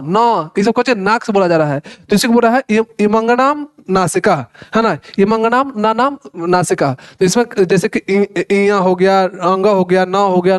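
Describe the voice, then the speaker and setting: A man teaching a casual lecture to students, sounding out letters and often checking in with "right?" as he explains. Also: high-pitched. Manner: repeats "है ना" and "भाई साहब", sounds out letters; conversational, addresses students directly.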